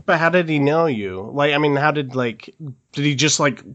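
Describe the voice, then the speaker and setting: A man's voice: fairly high pitch, fairly bright tone, lo-fi sound, a little hiss or hum. A man hosting a movie review podcast in casual chat, with a slightly froggy morning voice. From Utah. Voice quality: slight morning vocal fry. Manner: chatty, quick asides with hedging fillers. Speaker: podcast host. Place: Los Angeles area.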